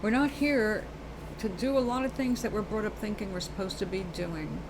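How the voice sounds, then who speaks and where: Background noise surrounds a mid-range voice speaking at normal speed: a New Yorker with a New York accent running a live show. She rambles earnestly about spirit in a casual talk to viewers, addressing them as baby and darling.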